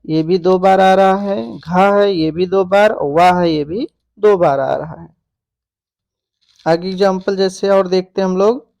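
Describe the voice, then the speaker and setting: A man's voice: sits high, gravelly, darkish tone. A man teaching a grammar lesson for exam preparation, who poses questions to his students and then answers them himself. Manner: slow, deliberate, asks and answers own questions. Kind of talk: exam-prep grammar lecture.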